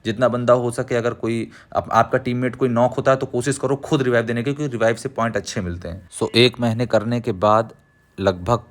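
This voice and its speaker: A man's voice: medium pitch, fairly even intonation, brisk. A young man chatting casually over gameplay, sharing tips in an advice-giving way with frequent restarts. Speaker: mobile gaming creator.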